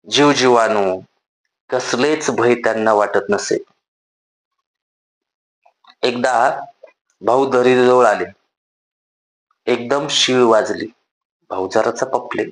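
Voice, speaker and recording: Male audiobook narrator, very slow and measured, mid-pitched reflective reading. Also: a bit bright, low-quality recording. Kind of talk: literary storybook narration.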